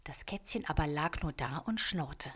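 A woman narrating a storybook in a calm, measured way. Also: sits low, breathy edge. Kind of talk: storybook reading.

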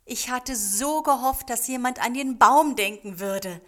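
A woman voicing a kindly, hopeful old man in a storybook, speaking in an earnest, animated way. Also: mid-range voice, unhurried.

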